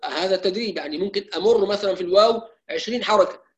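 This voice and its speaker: A man teaching Quran recitation in a live lesson, explaining rules and reciting drawn-out examples. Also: high voice, rough recording.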